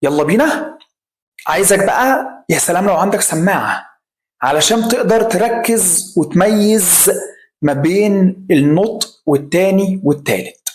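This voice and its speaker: Egyptian guy teaching english sounds, lively, repeats each one again and again with you. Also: sits high, moderate pace. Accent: Egyptian Arabic. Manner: lively, drills sounds by repetition, addresses viewer directly. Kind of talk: online lesson.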